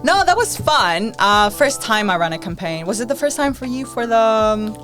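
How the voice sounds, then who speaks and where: A woman in her twenties, a student union president co-hosting a podcast, chats casually and rambles with plenty of fillers. Her voice runs on the high side and a bit bright, with big pitch swings at normal speed, and soft music plays in the background.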